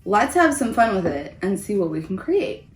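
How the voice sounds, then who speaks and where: A woman's voice: medium pitch, very animated, normal speed. A woman giving a casual, chatty food review as host of a taste test vlog. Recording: roomy echo, background noise.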